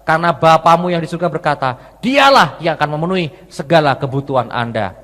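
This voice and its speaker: A male preacher in conversational sermon mode, weaving personal stories into his message and speaking to the congregation as friends. His voice sits a little high for a man. It rings out with a long hall reverb. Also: lively intonation, a little fast, bright, forceful tone. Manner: conversational, addresses listeners as friends, repetitive.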